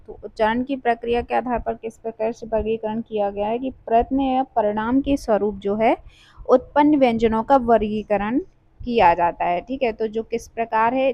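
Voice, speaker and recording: A woman's voice: fairly high pitch, no room sound. A woman teaching an exam-prep lesson, explaining step by step and sounding out letters, often checking in with "theek hai". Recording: dull lo-fi sound.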